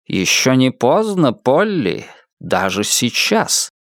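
A man reading an audiobook, voicing a sinister shopkeeper who speaks softly and slowly. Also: high-pitched, sing-song, no room sound, clean studio sound, pitched above the performer's own voice, full character voice. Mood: coaxing. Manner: soft, slow, coaxing. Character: soft-spoken sinister older shopkeeper, man. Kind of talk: audiobook character voice.

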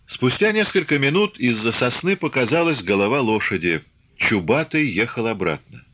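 A man reading a novel aloud as an audiobook narrator, in a measured, even literary style, in a dull lo-fi recording. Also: medium pitch, no room sound. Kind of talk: scripted narration.

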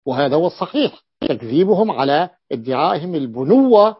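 A man's voice: a little high, sing-song, a little fast, breathy edge, no room sound. A man teaching a grammar lesson, who repeats key phrases and asks and answers his own questions. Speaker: sheikh teaching rhetoric. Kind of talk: classroom lesson explaining Arabic grammar. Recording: dull, dry lo-fi lecture recording.

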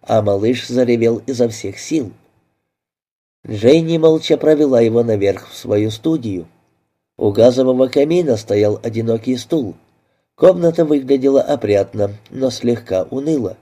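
A man narrating a detective audiobook in an even, measured reading. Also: mid-range voice.

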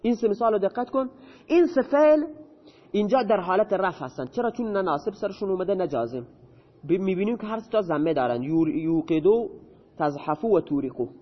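A man's voice: high voice, expressive, in a large hall, lo-fi sound. A male teacher explaining Arabic grammar in a lesson, asking questions and answering them himself.

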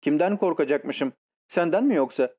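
An awkward young man who snaps back curtly, as the male narrator voices him. His voice is slightly high yet dark and mellow. He sounds defensive in an audiobook. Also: animated, moderate pace. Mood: gruff. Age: young adult. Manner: curt, defensive. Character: shy, awkward youth turning gruff.

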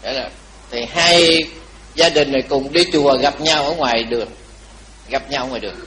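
A man's voice: mid-range voice, moderate pace, sharp tone, slight background noise, poor audio. A man, a Buddhist monk giving a dharma talk, telling a story animatedly and teasing his audience with questions.

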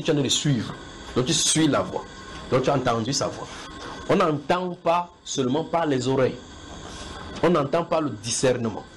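French-speaking preacher, noisy recording. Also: male voice, medium pitch. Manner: repetitive, questioning the listeners directly. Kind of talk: house church sermon.

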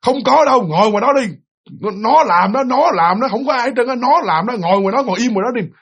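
Man playing a shouting village exorcist. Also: very high voice, lively intonation, quick pace, husky, highs cut off, voice pushed up, full character voice. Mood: urgent commanding. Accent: Southern Vietnamese. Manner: barking, urgent commands. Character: stern male exorcist shouting orders.

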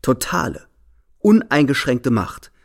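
Guy doing a dramatic novel reading, obsessed young man, swings from whispery to loud. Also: mid-range voice, big pitch swings, slow pace, gravelly. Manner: impassioned, swings from hushed to exclaiming. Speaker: narrator.

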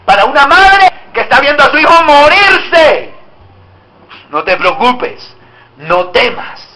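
A man's voice: very high voice, very animated, takes it slowly, bright, forceful tone, slight background noise, rough recording. A male pastor preaching an emphatic sermon and prompting his congregation to answer back. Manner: emphatic, drawing call-and-response from the congregation.

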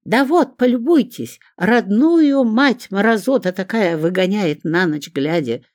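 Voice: mid-range voice, sing-song, normal speed, a little mellow, no room sound, studio quality. A reader voicing Lariska, a pushy, indignant woman who screeches and picks fights in an audiobook. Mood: shrill. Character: shrill scandalous middle-aged woman, pushy sister.

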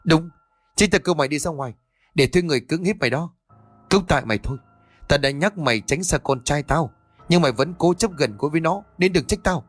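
Cruel old rich woman, stammering and commanding, higher, brisk; male narrator voices her. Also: expressive, no room sound, faint music behind. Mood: cold defiant.

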